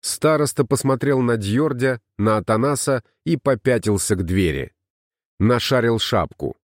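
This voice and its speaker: A man narrating an audiobook in a steady storytelling manner. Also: mid-range voice, a little slow, dry recording, studio quality. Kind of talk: scripted narration.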